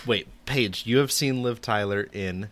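A man co-hosting a film podcast in casual chat, easygoing and quick to laugh. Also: fairly low pitch, fairly bright tone. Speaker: podcast co-host.

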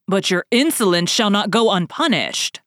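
A woman's voice: fairly low pitch, big pitch swings, moderate pace, no room sound, studio quality. Woman voicing a stern, commanding storybook beast. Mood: furious. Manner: stern, imperious, loudly declaiming. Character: frightful, angry, commanding male beast of a fairy tale. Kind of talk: storybook character voice.

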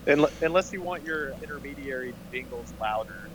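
Man, podcast co-host, mid-pitched voice, joking, laughs easily, casual banter. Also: fairly quick, fairly bright tone, slight background noise, poor audio.

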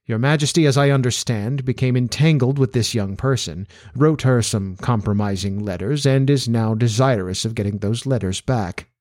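A man's voice: mid-range voice, normal speed, hardly any pauses, darkish tone, dry recording, natural voice. A man voicing a cool, languid, incisive detective in a storybook, with a dry, clipped, assured delivery. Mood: brisk, musing.

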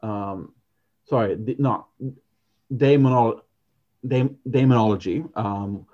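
A man's voice: lowish voice, slow pace, mellow, highs cut off. A man co-hosting a podcast, chatting casually and rambling, with many fillers and restarts. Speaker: podcast co-host. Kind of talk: casual chat.

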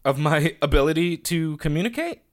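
Male podcast co-host, thirties, lively swooping delivery, pitched a little high, laughs a lot. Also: a little fast. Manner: animated, laughs often. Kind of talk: casual chat.

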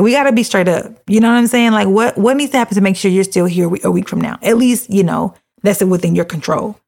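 A woman's voice: medium pitch, gravelly, a little mellow, breathy edge. A woman speaking earnestly and casually to her listeners, full of "you know" and repeating her main points for emphasis. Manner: emphatic, repeats key phrases for stress. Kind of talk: earnest monologue on mental health.

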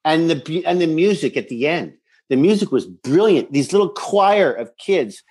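Male co-host, slightly high register, casual recap chat, emphatic and gushing delivery. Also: lively intonation, moderate pace, a little mellow, slightly rough. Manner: emphatic, effusive, repeats phrases. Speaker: podcast co-host.

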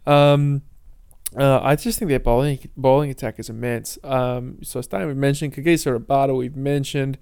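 A man co-hosting a casual sports discussion, halting as he thinks aloud. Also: mid-range voice, steady tone, darkish tone, smooth. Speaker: sports podcast co-host.

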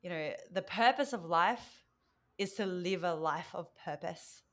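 A woman mentor speaking as a podcast guest, earnest and reflective in a measured way. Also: lowish voice, a bit bright. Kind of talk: reflective interview talk.

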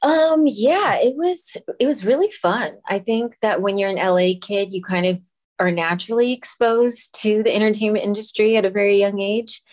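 A Los Angeles musician, a woman with a mid-range voice, chats at normal speed as a guest on a video-call interview. She's warm and casual, laughing often and dropping plenty of ums.

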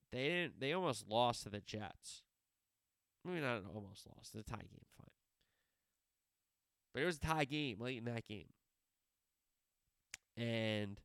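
A man hosts a solo sports podcast, previewing games in a rambling way, drifting into tangents and correcting himself. His voice is on the low side, a bit bright and clean, recorded at studio quality with no echo.

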